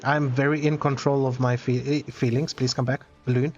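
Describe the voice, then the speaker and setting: A man's voice: mid-range voice, flat delivery, a little fast, dull audio. A man streaming a game, chatting casually with viewers in a rambling, self-interrupting, playfully dramatic way. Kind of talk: casual live-stream chat while gaming.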